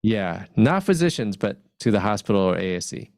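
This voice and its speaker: A man in casual technical chat as a urology co-host, pausing often with "uh", over a crackling microphone that cuts in and out. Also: on the low side, very animated, vocal fry, a little mellow, no echo, clean studio sound. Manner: halting, with many "uh" pauses. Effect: crackling microphone cutting in and out.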